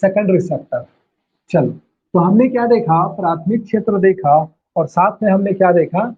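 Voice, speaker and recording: Male teacher, high husky voice, drills points with repeated questions, tinny phone-like audio. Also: expressive, moderate pace. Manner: repeats key phrases and quizzes students with questions. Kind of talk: online class lecture.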